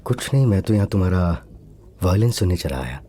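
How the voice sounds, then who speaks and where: A lecherous, menacing boss. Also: male voice, low voice, sing-song, quick pace, dark tone, a little hiss or hum. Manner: oily and threatening, bossy. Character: lecherous, menacing male official, middle-aged. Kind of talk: Hindi film dub.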